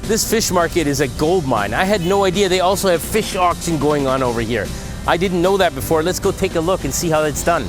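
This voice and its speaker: Enthusiastic higher-pitched man vlogging, music behind. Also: lively intonation, fairly quick. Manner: enthusiastic, explanatory. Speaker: vlog host. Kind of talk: casual on-location narration, explaining to camera. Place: outdoors at a busy fishing harbor. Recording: outdoor harbor, background music, vehicle noise.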